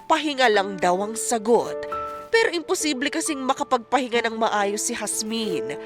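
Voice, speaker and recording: A woman narrating a listener's letter in first person for a radio drama, steady and earnest. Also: on the high side.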